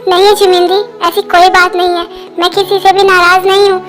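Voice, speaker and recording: A self-blaming young wife, voiced by a woman, speaks softly and with resignation in a very high, flat voice. This fan dub has faint music underneath. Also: brisk. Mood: gentle.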